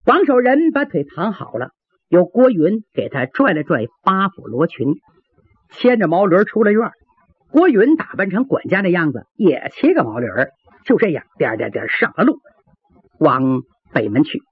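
A woman storyteller spinning a traditional tale with a lively, swooping delivery. Her voice is husky. The recording is dry and thin like a phone line. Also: on the low side, normal speed, no echo. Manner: lively, animated narration.

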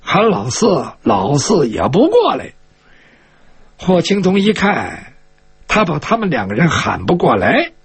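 A man telling a traditional martial-arts story in a lively, colloquial storytelling manner. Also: a little high, a little slow, slightly rough, no room sound.

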